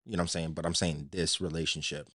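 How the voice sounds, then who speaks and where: A man's voice: a bass voice, level tone, quick pace, a bit bright, dry recording, clean studio sound. A young adult man hosting a podcast, chatting casually, laughing often and repeating himself as he talks. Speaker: podcast host. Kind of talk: casual chat.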